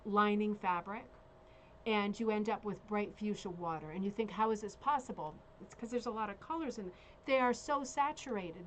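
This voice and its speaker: A woman's voice: medium pitch, low-quality recording. A woman hosting a casual live craft show as bingo caller, chatting with frequent check-ins and reading out details. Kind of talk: casual live show chat with read-out descriptions. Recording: clearly audible background noise.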